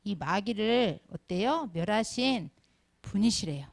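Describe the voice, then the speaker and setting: A woman's voice: medium pitch, a little slow, vocal fry. A middle-aged woman giving a Sunday school sermon to children, asking them question after question. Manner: asks the children constant questions, animated.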